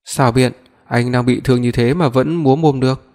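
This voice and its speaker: A man reading the lines of a tender, sulky young woman in an audiobook, in a soft, lightly scolding way, with a long reverb behind his voice. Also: mid-range voice, steady tone, a little fast, lightly acted.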